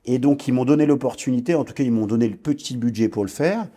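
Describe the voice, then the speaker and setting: A fast-talking man in his forties from French Guiana speaks in a mid-range, dark voice. On a podcast he reflects on his career as an entrepreneur, frequently hesitating and beginning again.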